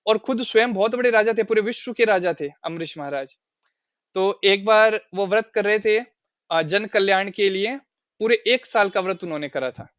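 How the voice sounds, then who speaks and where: A man's voice: high-pitched, normal speed, fairly bright tone, dry recording, lo-fi sound. A man teaching a scripture class, explaining verses at length and asking his listeners questions. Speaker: spiritual teacher.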